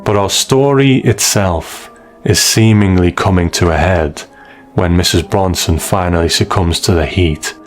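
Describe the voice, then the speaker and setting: Reviewing an episode of classic television, this male host speaks a little slowly in a voice that sits low. He offers reflective, opinionated thoughts conversationally over faint background music.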